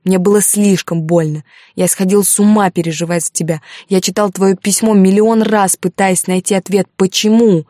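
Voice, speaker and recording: A woman reading the lines of a furious, wounded young man in an audiobook, shouting and heated. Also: deep voice, level tone, a little fast, dry recording, studio quality. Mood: angry.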